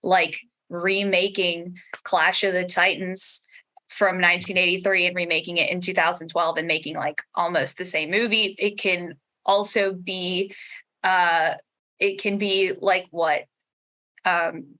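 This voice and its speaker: Speaking at a measured pace with a lowish, steady voice that sounds pushed and bright, a female scholar and podcast creator works out her thinking on a panel. She's casual, thoughtful, and analytical, hedging often with "like."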